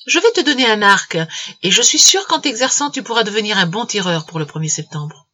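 Woman reading as a calm, dry old uncle. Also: medium pitch, fairly quick, husky. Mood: calm, patient. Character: calm, plain-spoken older uncle.

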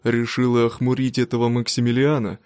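Abusive young husband in an audiobook, loud and slow, mellow voice, read by a man. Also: mid-range voice, completely flat delivery, dry recording, studio quality, lightly acted. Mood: furious. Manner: loud and accusing, slow emphatic delivery. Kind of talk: audiobook reading.

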